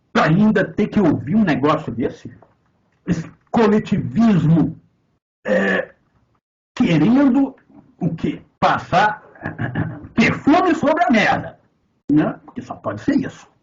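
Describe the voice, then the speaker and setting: Brief: male philosophy lecturer, Minas Gerais accent, biting sarcasm, lively swinging pitch, a bit high, dull lo-fi sound. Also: takes it slowly, long pauses. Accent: Minas Gerais Portuguese. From Brazil. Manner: sarcastic, swearing, swings from loud outbursts to mutters. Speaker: philosophy teacher. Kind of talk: lecture commentary on a text.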